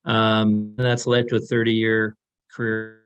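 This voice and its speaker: A man in his fifties, a panelist, speaking over a remote video call whose audio breaks up, with a measured, halting delivery. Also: fairly low pitch, monotone, smooth. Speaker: panelist, director of an industry innovation group. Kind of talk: conference panel remarks. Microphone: laptop or webcam mic on a video call. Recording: lo-fi, dull video-call line.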